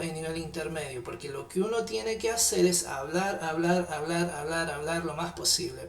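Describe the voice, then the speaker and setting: A man teaching English in a live online class, patiently repeating phrases slowly. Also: on the high side, creaky, far from the mic. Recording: echoey room, off-mic.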